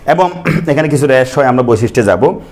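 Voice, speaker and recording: Male teacher, playful lecture, quizzes his students, mid pitch, easygoing joker. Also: lively intonation, fast talker. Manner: joking, chatty, asks students to repeat after him. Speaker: biology teacher.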